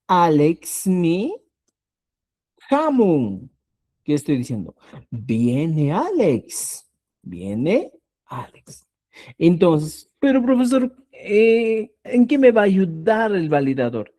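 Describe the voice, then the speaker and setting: Slow, low-voiced woman teaching a language class. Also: mellow. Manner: patient explaining, keeps checking with "¿ya?"; stresses example words and repeats them slowly. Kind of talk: live online language lesson.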